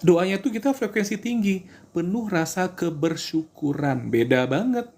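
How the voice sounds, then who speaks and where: A man's voice: high-pitched, animated, moderate pace, darkish tone. A man giving casual religious life advice, chatty and repetitive, acting out prayers and answering viewer greetings. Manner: chatty, repeats himself, acts out prayers.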